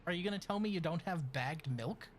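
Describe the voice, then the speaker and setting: A streamer hosting casual gaming chat. The talk is playful and teasing, with loose swearing. Game sounds run clearly behind the voice. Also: medium pitch, expressive, fairly quick, a little hiss or hum. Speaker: streamer and host. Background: video game sounds.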